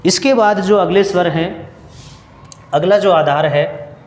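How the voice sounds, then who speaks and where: A man teaching Hindi grammar in a slow classroom style, asking questions and answering them himself and going over each point again. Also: high-pitched, echoey room, long reverb tail. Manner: repeats and restates points, asks questions then answers them. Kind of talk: slow, repetitive classroom explanation.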